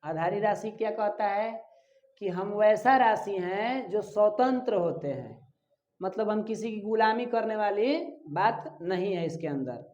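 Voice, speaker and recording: A man's voice: high-pitched, expressive, unhurried, a little mellow. A male physics teacher, giving a classroom-style lecture and asking questions he then answers himself while repeating key terms. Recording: echoey room, dull lo-fi sound.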